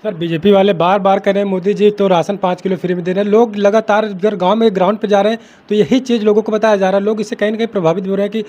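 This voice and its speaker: Male reporter, quick questions, high voice, keeps calling the guest sir. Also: little pitch movement, a little mellow. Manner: brisk, addressing guest as sir. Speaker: reporter interviewer. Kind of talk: street interview questions.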